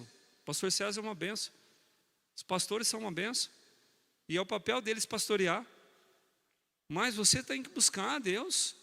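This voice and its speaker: A man preaching a sermon on marriage, animated, teasing his congregation and speaking to them directly. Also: high voice, creaky, big-room sound.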